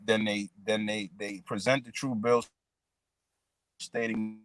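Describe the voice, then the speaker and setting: A man's voice: lowish voice, little pitch movement, takes it slowly, fairly bright tone, low-quality recording. A man calling into a talk show as a remote guest, explaining things with restarts and repeated words while his connection breaks up. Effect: call connection breaking up, cutting in and out.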